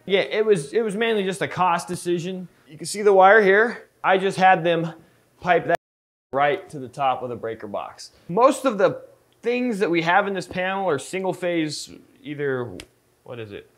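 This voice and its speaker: A man in his thirties with a slightly high voice that sounds congested and nasal, as though he were pinching his nose. He chats to the camera like a vlogger, in an easygoing, conversational way. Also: animated, moderate pace, a bit bright. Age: 30s. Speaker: screen printing shop owner and vlogger. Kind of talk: casual vlog talk to camera. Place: indoors in a screen printing workshop.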